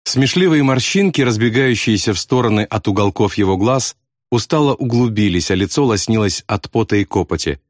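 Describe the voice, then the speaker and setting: Male audiobook narrator, dramatic and expressive, lively pitch, dry close sound. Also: a little fast, no echo. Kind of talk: scripted narration.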